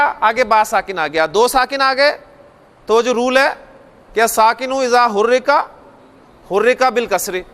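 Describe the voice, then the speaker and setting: A man with a strikingly high voice teaches a grammar lesson. He walks through each rule step by step, says the key points twice and stops to ask the class questions. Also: fairly bright tone, smooth. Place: classroom or studio lecture.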